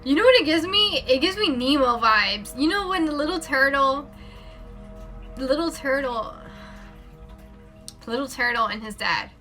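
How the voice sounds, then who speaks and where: A woman's voice: high voice, expressive, moderate pace, long pauses, pushed and bright, faint music behind. A woman with children doing a casual, rambling spiritual card reading live, with plenty of fillers and self-corrections. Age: adult parent. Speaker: tarot reader.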